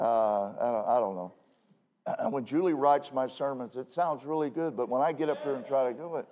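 A male pastor preaching a sermon from the pulpit in a conversational way, full of self-deprecating asides and quick "okay?" checks with the congregation. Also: mid-range voice, dark tone. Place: church pulpit.

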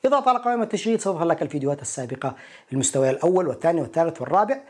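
A man teaching an English pronunciation lesson, explaining each point and repeating words slowly to model them. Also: fairly high pitch, expressive, slightly rough.

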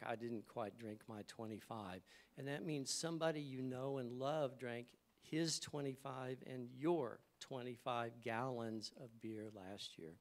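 A middle-aged man giving a church sermon to a congregation in a conversational, storytelling way. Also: medium pitch. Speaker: guest speaker. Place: church service.

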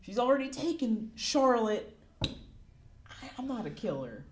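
Woman putting on a panicky man, sobbing, stammering, high pitch, roomy echo. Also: animated, brisk, distant mic. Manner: stammering, whiny, pleading. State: crying. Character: panicky, pleading middle-aged male toymaker. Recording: echoey room, faint background noise.

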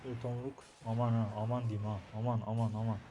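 Excitable young man narrating gameplay. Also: medium pitch, fast, a little hiss or hum. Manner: chatty, excitable, talks to viewers and to himself while playing. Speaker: gaming YouTuber. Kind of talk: live gameplay commentary.

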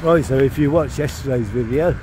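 A man casually narrating his travel vlog while walking at night, relaxed and rambling. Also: mid-range voice, brisk. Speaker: vlogger. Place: outdoors at night on city streets. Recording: noisy street recording. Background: street traffic noise.

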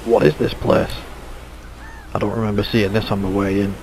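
A gravelly, fairly low-voiced male game character played by an actor, rattled and irritable after a crash. He grumbles and curses over faintly noisy game sound. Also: level tone, normal speed, a little mellow, lightly acted. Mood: puzzled. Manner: grumbling, mild cursing. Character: rattled, irritable crash survivor exploring alone.

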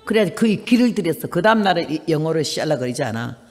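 An older woman missionary preaching a sermon, telling stories with dramatic swings between soft and loud speech. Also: sits low, very animated, racing, in a large hall.

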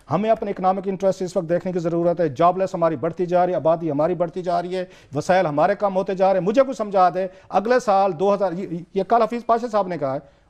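High-voiced Pakistani man, urgently arguing. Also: a little mellow. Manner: urgent, emphatic, repetitive argument. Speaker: political commentator. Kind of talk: TV talk show debate.

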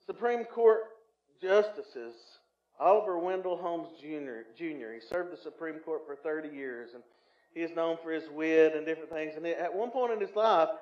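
A male pastor preaching a sermon in a folksy, storytelling way, often restarting with fillers and swelling louder for emphasis. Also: fairly high pitch, normal speed. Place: church sanctuary. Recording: roomy, slightly dull church recording.

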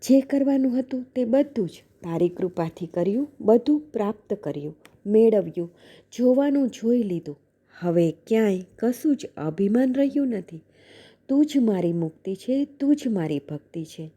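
A woman reading a devotional scripture aloud in a soft, measured recitation, slowing to chant the verses. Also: fairly high pitch, expressive, slightly rough. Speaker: devotional reader.

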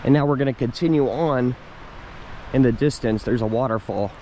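A young man, a hiking vlogger, casually narrates his walk through a wooded park on a handheld camera outdoors, admiring the views and reading a plaque aloud. His voice is mid-range and dark in tone, at a normal speed. The recording is rough, with slight background noise.

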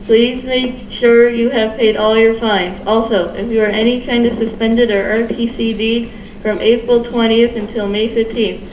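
A woman reading school announcements in a steady, matter-of-fact way, heard over a school intercom speaker. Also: fairly high pitch, normal speed, a little hiss or hum. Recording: dull, echoey, distant intercom.

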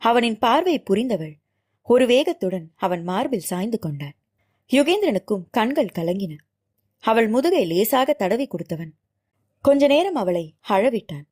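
ஒரு பெண் ஒலிப்புத்தகத்தில் காதல் நாவலை உணர்ச்சிகரமாக நாடகத்தன்மையுடன் வாசிக்கிறார். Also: female voice, fairly high pitch, unhurried. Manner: expressive, dramatic storytelling. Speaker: audiobook narrator. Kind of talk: reading a romance novel aloud.

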